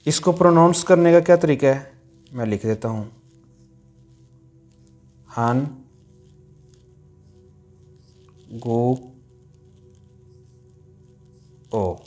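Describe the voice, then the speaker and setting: A man teaching a language lesson, explaining pronunciation rules patiently, repeating each point and sounding out syllables slowly. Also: mid-range voice, a little mellow, soft background music.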